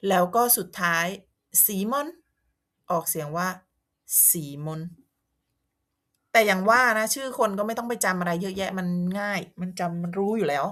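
A woman's voice: mid-range voice, fast talker, few pauses, a bit bright. A woman from Thailand teaching a language lesson, explaining vocabulary patiently and repeating words to model how they sound.

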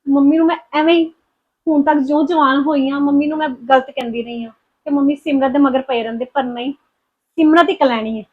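A remorseful young daughter, played by a woman in a family drama. She speaks softly and apologetically in a high voice. The sound is a little dull and muffled. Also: steady tone, brisk, lightly acted. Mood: reflective. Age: young adult. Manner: soft, apologetic and worried.

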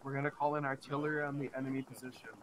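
A man's voice: medium pitch, little pitch movement, racing, background noise. A man giving clipped military radio orders and artillery calls during a co-op game. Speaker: radio operator coordinating artillery and air.

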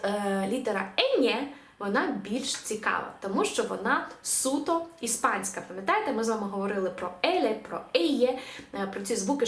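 A woman teaching an online language lesson, saying example words slowly and clearly, then explaining them. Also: a little high, echoey room.

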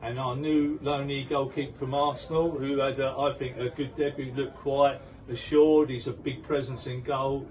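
An older man, the club interviewer, chats with a player after a match outdoors at a football ground, asking leading questions in a promotional way. His mid-range voice has little pitch movement and a slightly mellow quality, at a moderate pace with hardly any pauses. He holds a handheld mic while the camera films from a distance, so the audio is distant and full of crowd noise.

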